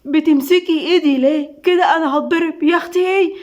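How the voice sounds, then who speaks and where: Jumpy joking young guy, egyptian accent, loud and high, woman reading. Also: fast talker, natural voice. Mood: nervous. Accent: Egyptian Arabic.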